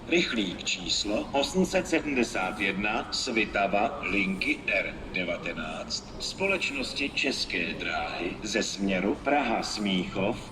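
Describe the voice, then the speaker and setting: A man reading formal railway station announcements in measured, segmented scripted phrases. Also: on the low side. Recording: noisy, distant station public-address recording. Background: station ambience noise.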